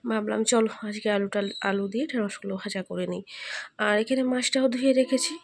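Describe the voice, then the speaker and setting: A young woman with a sore, hoarse throat, chatting casually through her cooking voice-over. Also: mid-range voice, fairly even intonation, fast talker, no room sound. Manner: rambling, homely, talks to viewers as friends. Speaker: cooking vlogger.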